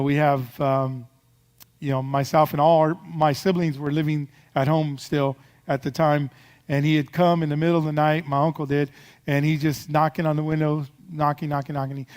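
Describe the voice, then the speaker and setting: A man's voice: on the high side, in a large hall. A man preaching a sermon as pastor, telling a story in a loose, rambling way with many fillers and restarts.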